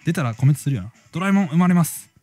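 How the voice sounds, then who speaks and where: A man's voice: on the high side, expressive, very fast, darkish tone, no room sound, soft background music, rough recording. A man streaming a game from a room at home, chatting casually and reacting to viewer comments as he reads them aloud. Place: room at home near neighbors.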